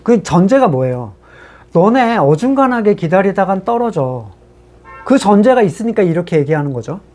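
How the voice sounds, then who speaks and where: Lively conversational Korean-church pastor preaching. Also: medium pitch. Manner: conversational, asks the congregation rhetorical questions; reads scripture aloud and then explains it plainly. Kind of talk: sermon.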